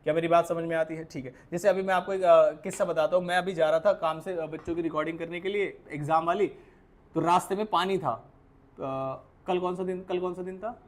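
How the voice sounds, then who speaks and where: A man with a high-pitched voice teaches a class, often stopping to ask his students whether they follow. He drops English terms into his explanations and tells stories from his own life as examples. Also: fairly even intonation, fairly quick. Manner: asks the class questions and repeats points; tells personal anecdotes as examples. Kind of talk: classroom lecture.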